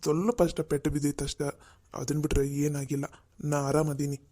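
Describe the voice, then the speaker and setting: A woman voicing an injured older village farmer in a cartoon, speaking in a slow, halting, calming way. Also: low voice. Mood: mild.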